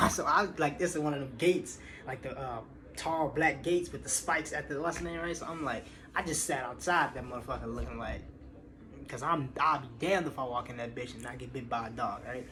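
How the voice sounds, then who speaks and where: Fairly quick and mid-range in pitch, a young American man casually narrates a personal anecdote as an online storyteller. Expect heavy swearing, slang, and acted-out dialogue, all over a clearly noisy background.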